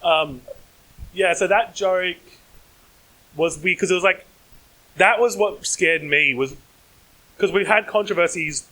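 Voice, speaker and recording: A man's voice: high-pitched, pushed and bright, poor audio. A young man on a comedy panel, talking in long run-on stretches full of fillers. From Australia. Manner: fast, run-on, heavy fillers. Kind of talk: panel discussion. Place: conference stage.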